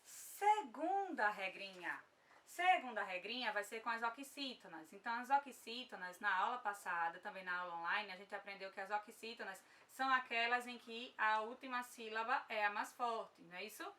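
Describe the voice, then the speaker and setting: A woman's voice: medium pitch, fairly quick, hardly any pauses, bright, forceful tone, distant mic. A woman with a Brazilian Portuguese accent teaching an online grammar lesson, patient, often checking in with her students.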